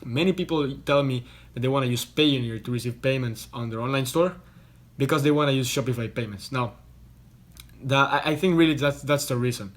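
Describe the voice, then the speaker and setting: A man's voice: medium pitch, a little fast. A young man from Costa Rica, talking casually to camera from a hotel room, explaining things in a chatty way and often restarting his words. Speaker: online business vlogger.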